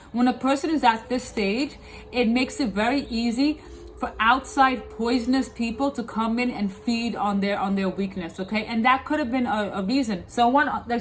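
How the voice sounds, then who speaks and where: A woman's voice: a little high, a little hiss or hum, low-quality recording. A woman with a slight lisp from wearing dental aligners, giving a tarot reading to viewers in an emphatic, repetitive way, often checking in with her listeners. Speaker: tarot reader, host.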